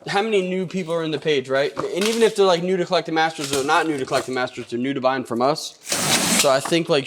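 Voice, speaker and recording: A middle-aged man runs a casual, joking chat about his toy store. His voice sits at a medium pitch. It swings from playful teasing to low, quiet explaining. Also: background noise.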